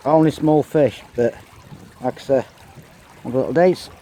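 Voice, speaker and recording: Out in the open air, wading at a windy riverbank, this English angler vlogger talks to the camera in a relaxed, mellow way, keeping count of every fish. He speaks at a measured pace with a medium pitch, while a faint hiss of wind and flowing water sits behind him.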